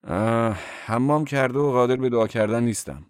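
A man voicing a gloomy, blunt young man who answers in short, flat replies. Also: mid-range voice, smooth, dry recording, clean studio sound, pitched above the performer's own voice, natural voice. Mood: curt, gloomy.

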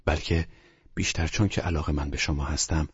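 A man reading the part of a calm, earnest older doctor who speaks softly and often in a whisper. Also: a bass voice, full character voice. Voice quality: husky. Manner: soft, hushed, often whispered. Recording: dull lo-fi recording.

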